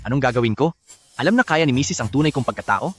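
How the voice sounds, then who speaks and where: A man dubbing a rich young CEO hiding his identity, quick and flustered. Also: medium pitch, lively intonation, a bit bright, slightly rough. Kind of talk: Filipino dub of a drama.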